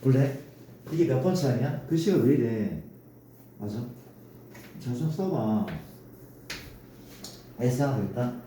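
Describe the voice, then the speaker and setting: A male math teacher lectures his class in a warm, mid-range voice, speaking slowly and animatedly with frequent pauses. He coaxes the students along and keeps asking them to confirm they're following. The recording sounds echoey, with a distant mic and faint noise.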